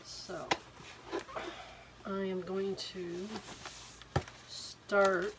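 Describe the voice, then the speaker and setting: An older woman in her sixties, slightly hoarse from a cold, talks haltingly and casually through an unboxing, thinking aloud as she goes. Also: mid-range voice, flat delivery. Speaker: art vlogger unboxing supplies. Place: indoor home art studio, wood-beamed. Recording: noisy room, clicks and rustling.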